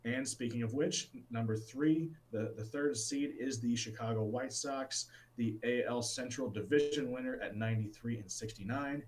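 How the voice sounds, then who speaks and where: A man co-hosting a laid-back sports podcast, his voice sitting at an ordinary middle pitch. He talks in a rambling way, full of fillers and restarts, and gets excited about the playoffs. A faint hum of noise sits under him. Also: normal speed, hardly any pauses. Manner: enthusiastic about baseball. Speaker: podcast co-host. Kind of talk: casual sports chat.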